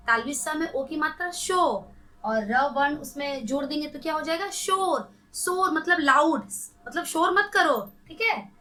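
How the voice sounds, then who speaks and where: Her voice sits high, bright and forceful as she teaches little ones to read Hindi. Each syllable gets sounded out with patience, and she questions the children as she goes.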